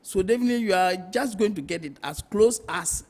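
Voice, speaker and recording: Patient explaining man, fairly high voice. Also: animated, a little fast, gravelly, a little mellow. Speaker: customs expert guest. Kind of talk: explanatory studio talk.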